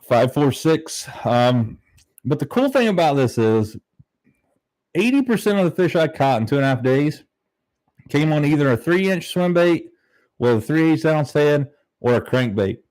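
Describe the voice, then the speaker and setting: A man's voice: on the high side, very animated, moderate pace, a little mellow, dry recording, low-quality recording. A man from southern Ohio hosting a casual fishing livestream, talking in a laid-back, rambling way from a small bare room at home. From southern Ohio, United States. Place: very small, bare-walled home room used as a studio, slightly echoey.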